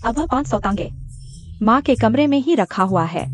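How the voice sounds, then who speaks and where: Woman doing a scheming young wife, kinda high voice, eager and plotting. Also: expressive, normal speed, faint music behind, close to an everyday voice. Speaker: daughter-in-law. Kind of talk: dubbed drama acting.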